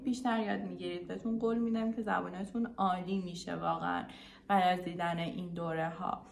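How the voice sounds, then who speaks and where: A woman teaching beginner English, upbeat and full of praise, drilling phrases slowly. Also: medium pitch, gravelly, a little mellow, roomy sound, a little hiss or hum.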